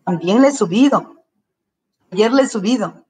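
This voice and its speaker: A woman teacher giving slow, careful, repeated instructions to parents while straining her throat. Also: mid-range voice, animated, darkish tone, distant mic, low-quality recording. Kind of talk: online class instructions to parents. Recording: voice from away from the mic.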